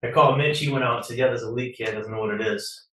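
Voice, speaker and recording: A man's voice: mid-range voice, fast talker, sharp tone. A man from the water department giving a plain-spoken, practical update at a public meeting. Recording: echoey meeting room, mic far off.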